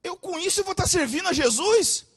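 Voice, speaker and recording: A man doing a shy, soft-spoken young woman. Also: extremely high pitch, animated, brisk, pitched above the performer's own voice. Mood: hopeful. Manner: soft, hesitant, pleading. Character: shy, timid young woman churchgoer, low self-esteem.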